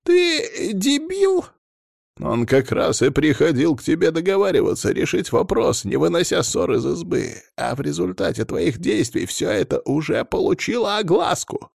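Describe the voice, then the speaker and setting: A man voicing a furious, domineering old male clan head who yells and scolds down the phone. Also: medium pitch, very animated, moderate pace, vocal fry, dry recording, studio quality, voice pushed up, full character voice. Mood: furious scolding.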